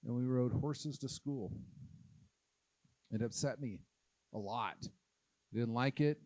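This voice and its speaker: Halting self-deprecating comedian from Oklahoma. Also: male voice, mid-range voice, darkish tone, dry recording. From Oklahoma, USA. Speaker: stand-up comedian. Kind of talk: stand-up comedy set. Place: live comedy stage.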